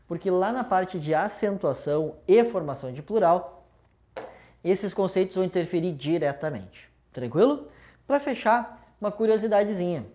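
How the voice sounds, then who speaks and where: A woman's voice: lowish voice, animated, moderate pace, warm tone. Woman teacher, patient step-by-step explainer, affectionate with students, whiteboard lesson. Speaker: language teacher. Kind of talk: recorded video lesson at a whiteboard.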